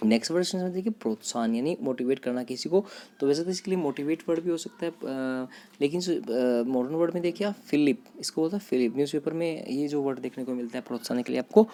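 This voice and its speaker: A man teaching vocabulary to students, repeating each word, spelling it out letter by letter and pausing on fillers. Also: fairly high pitch, warm tone. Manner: addresses students directly, with hesitant fillers. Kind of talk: vocabulary lesson.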